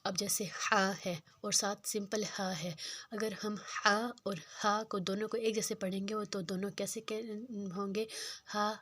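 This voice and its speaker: A woman teaching Quran reading, speaking slowly and repeating sounds and words to show the difference between them. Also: medium pitch, flat delivery, fairly bright tone. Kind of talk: slow patient tajweed lesson.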